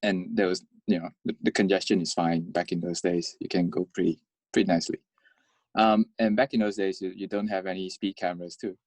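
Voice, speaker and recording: Guest: man from Malaysia, deep voice, dry close sound, halting casual talk. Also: fairly even intonation, darkish tone, dry recording. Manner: halting, repeats words while talking. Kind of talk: casual interview conversation.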